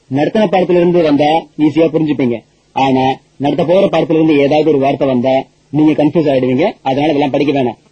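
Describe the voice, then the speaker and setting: Guy teaching english, husky mellow voice, quizzes and repeats everything, dull dry lo-fi audio. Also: a little high, dry recording. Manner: repetitive, drilling questions and answers. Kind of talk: spoken English lesson.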